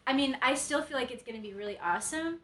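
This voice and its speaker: A woman's voice: sits high, animated, fast talker, fairly bright tone. A woman in her twenties, a podcast guest at a friend's home, chatting nervously with lots of giggles and casual swearing. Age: 20s. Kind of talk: casual chat.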